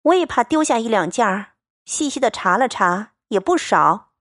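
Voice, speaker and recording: A woman voicing a clever, sharp-tongued young maidservant who teases in a playful, raised voice. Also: on the high side, lively intonation, normal speed, dry recording, studio quality. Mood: teasing. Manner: teasing, playful.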